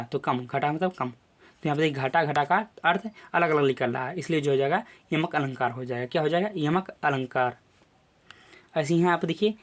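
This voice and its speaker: A young adult male teacher giving a classroom lecture video, explaining step by step with lots of repetition and filler phrases. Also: on the high side.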